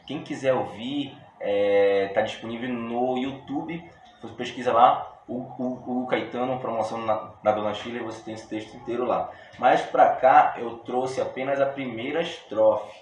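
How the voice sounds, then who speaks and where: A man with a Brazilian Portuguese accent teaching a poetry workshop lesson in a relaxed, slangy way, explaining step by step with frequent restarts. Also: medium pitch, normal speed. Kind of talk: casual video lesson. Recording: roomy echo with faint room noise.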